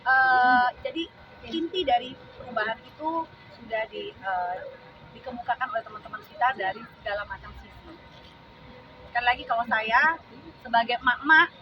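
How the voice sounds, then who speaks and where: A middle-aged woman giving an impassioned, earnest speech at an outdoor gathering, halting now and then with fillers. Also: on the high side. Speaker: speaker at a supporters' gathering. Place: outdoors at a large public venue. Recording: distant muffled outdoor recording. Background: outdoor noise and passing vehicles.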